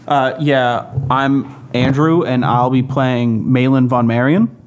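A man's voice: medium pitch, steady tone, slow pace, lo-fi sound. A man chatting casually as a player introducing himself on a tabletop gaming podcast. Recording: background room noise.

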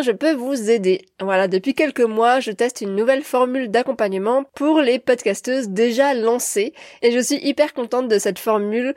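A woman's voice: on the high side, a little mellow, no echo, studio quality. Upbeat French woman podcast host. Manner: upbeat, direct address to listeners. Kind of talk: scripted podcast talk.

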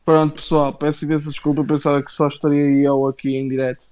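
Male co-host, European Portuguese accent, slightly raised pitch, halting and slangy, chatting casually and familiarly. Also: little pitch movement, darkish tone, smooth. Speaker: wrestling show co-host. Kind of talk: casual live chat about wrestling.

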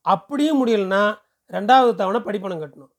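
A man plays a high-pitched temple ticket seller, pushy and smooth-talking, delivering a brisk, persuasive lecture.

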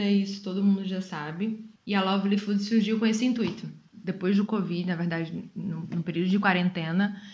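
A Brazilian woman from Sergipe with a matching accent, chatting as a guest about her small business, with many fillers. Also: medium pitch. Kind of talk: casual recorded interview. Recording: roomy and slightly dull.

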